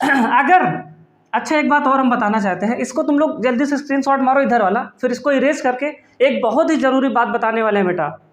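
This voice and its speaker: A man's voice: extremely high pitch, a little fast, echoey room. A male chemistry teacher giving an online class, playful and teasing, calling his students "beta" and answering his own questions. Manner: calls students "beta" affectionately.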